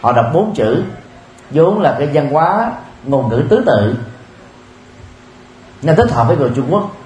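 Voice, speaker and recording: A man giving a Buddhist dharma talk, speaking in a measured way with frequent pauses and filler sounds. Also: a little high, very animated, a little mellow. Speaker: Buddhist teacher. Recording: roomy with faint ambient noise.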